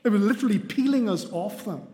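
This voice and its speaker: Speaking fast in a warm, high voice, a middle-aged Spanish pastor delivers a sermon full of earnest stories and gentle humor. The church sanctuary gives the recording a long hall reverb.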